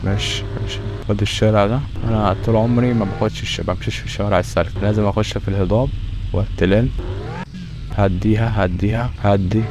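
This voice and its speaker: Fast-talking Egyptian gamer, low voice. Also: male voice, fairly even intonation, noisy background. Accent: Egyptian Arabic. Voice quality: joking, bantering with game customers. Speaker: gaming YouTuber. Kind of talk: let's-play commentary.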